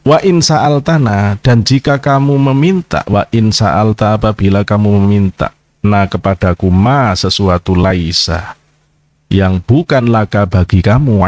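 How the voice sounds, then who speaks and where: A man giving an informal sermon as a kiai, scolding and mocking his listeners, sliding from low murmurs into sharp high outbursts. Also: no echo. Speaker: kiai, Islamic preacher.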